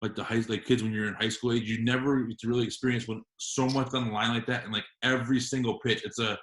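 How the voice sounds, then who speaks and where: A man's voice: medium pitch, little pitch movement, fast, a bit bright. A young man hosting a casual interview podcast, talking in a laid-back, loose way. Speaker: podcast host.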